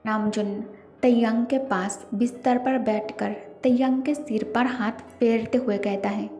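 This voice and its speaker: A woman narrating a fan-fiction story in a steady storytelling manner. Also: fairly high pitch, slow. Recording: echoey reverberant room.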